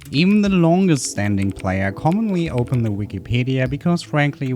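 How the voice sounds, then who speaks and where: A man giving conversational video commentary on reviews, with an animated, wry and mock-exasperated way of talking. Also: medium pitch. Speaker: gaming video creator reading reviews. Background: background music.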